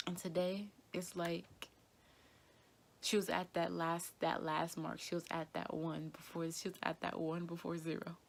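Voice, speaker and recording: A young woman talking in a halting, quiet way, tearful and grieving, often repeating herself. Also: lowish voice, level tone, vocal fry. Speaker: vlogger. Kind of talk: emotional personal vlog.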